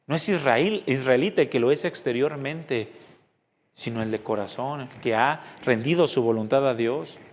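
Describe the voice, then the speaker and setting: A man preaching a sermon as pastor. He preaches emphatically, with sudden loud rhetorical questions and quiet asides. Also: medium pitch. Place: church meeting hall. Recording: long reverb from a church hall.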